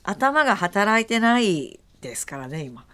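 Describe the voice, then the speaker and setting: A woman's voice: medium pitch, very animated, measured pace, sharp tone, a little hiss or hum. A woman hosting a casual after-show chat, rambling along with many fillers and easy laughs. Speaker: radio show host.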